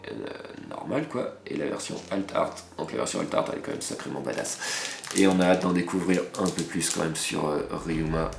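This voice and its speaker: A man's voice: low voice, creaky, slight background noise. A man hosting a card-opening video, chatting casually to viewers and exclaiming over each pull. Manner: excitable, exclaiming over cards, chatty asides. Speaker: host opening trading card packs. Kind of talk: casual unboxing chat to viewers. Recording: roomy room with background music.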